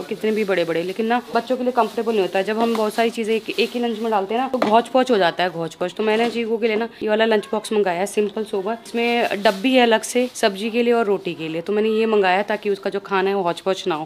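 A woman's voice: mid-range voice, slight background noise. A young woman vlogging at home, chatting and explaining things as she tidies a room, a little short of breath. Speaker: family vlogger. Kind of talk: casual family vlog chat.

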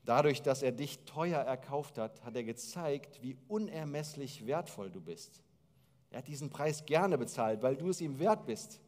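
Gesturing pastor preaching in a hall. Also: male voice, mid-range voice, measured pace. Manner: lively, gesturing storyteller. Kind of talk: sermon. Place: church stage hall. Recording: long hall reverb.

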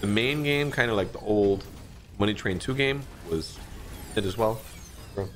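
A man in his thirties giving casual, excitable commentary while playing an online slot game, often swearing and jumping up in pitch at big moments. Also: normal speed, slight background noise. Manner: excitable, swears a lot, frequent pitch jumps. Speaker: slot streamer. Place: dim home streaming room, indoors.

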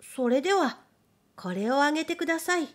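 A woman's voice: high voice, expressive, moderate pace, voice pushed up. Woman doing a cheerful clever young man. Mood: eager.

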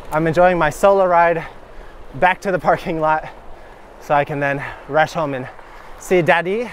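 A high-pitched man from Michigan vlogs informally and eagerly while cycling outdoors along a gravel country road. A little hiss or hum sits in the recording.

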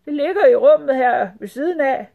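A woman's voice: sits high, narrow, tinny audio, voice pushed up. A woman voicing a nervous, fawning male rat general who stammers.

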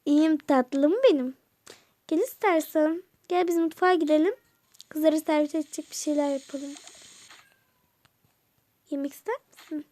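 Woman plays a sweet fussing aunt in a toy-game story, very high voice, calls everyone dear. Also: normal speed, pauses often, warm tone, natural voice. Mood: fond. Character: kind caring aunt, middle-aged woman. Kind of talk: toy game role-play voice-over.

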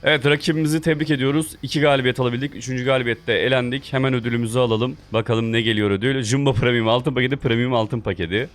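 An excitable young man calls his own football video game match from his desk mic, fretting and then yelling at his players. His voice sits at an ordinary pitch, with faint music running underneath. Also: racing, hardly any pauses. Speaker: gaming video host. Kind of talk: live gameplay commentary.

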